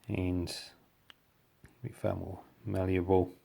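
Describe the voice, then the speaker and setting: A man with a New Zealand accent and a gravelly voice, giving a casual hands-on hobby demonstration in halting, unscripted phrases. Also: flat delivery, heavy background noise. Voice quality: gravelly, low voice. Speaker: hobby tutorial presenter.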